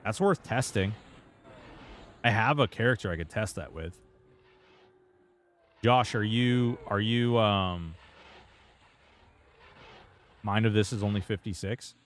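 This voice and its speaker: A man's voice: fairly low pitch, takes it slowly, long pauses, slight background noise. A man streaming a game, chatting casually and rambling with lots of fillers and restarts. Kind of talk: casual gameplay commentary.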